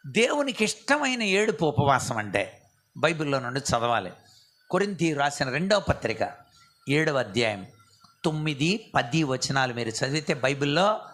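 A male pastor preaching a sermon, often asking the audience questions and acting out prayers in a soft, low voice. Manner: asks the audience rhetorical questions.

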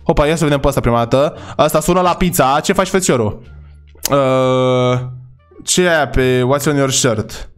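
A man giving casual, chatty gameplay commentary. He talks to his viewers as his brothers and boys, and often yells excitedly at the characters in the game. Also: medium pitch, clear, resonant tone, soft background music. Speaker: gaming YouTuber.

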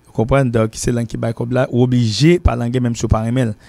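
A man from Haiti with a Haitian accent, hosting and teaching a spoken English lesson. He explains at length, repeats and restarts phrases, and slows down whenever he pronounces an English phrase. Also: mid-range voice, little pitch movement, vocal fry, dark tone, dry recording. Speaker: English teacher and show host.

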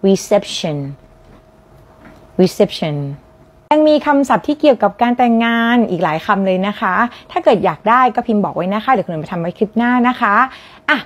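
A woman's voice: mid-range voice, animated, normal speed, breathy edge. Friendly Thai woman teaching English words. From Thailand. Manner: friendly, models words for the viewer to repeat. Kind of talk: lesson on vocabulary.

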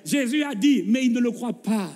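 A man with a French accent preaching a lively sermon as pastor, acting out Gospel scenes in voices and calling the congregation to answer. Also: extremely high pitch, moderate pace. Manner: calls for responses from the congregation. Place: church hall. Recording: long hall reverb with faint music.

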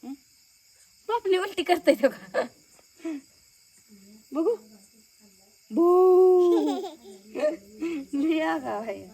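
A woman's voice: high voice, very animated, slow pace, vocal fry, pauses often, darkish tone. A young woman chatting casually in a home vlog, coaxing a toddler with questions. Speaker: village vlogger.

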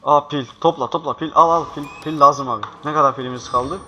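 Young guy scared out of his mind playing a horror game, bright high voice, lots of yelps and whispers, faint game noise behind. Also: quick pace, dull audio. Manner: jumpy, swearing, swings from panicked yelling to hushed muttering. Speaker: gaming youtuber. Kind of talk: horror game let's play commentary.

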